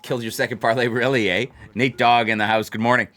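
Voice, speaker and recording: A man hosting a laid-back blackjack livestream talks to his viewers in a meandering way, repeating phrases for emphasis. His mid-range voice is steady and fairly bright, and he speaks quickly.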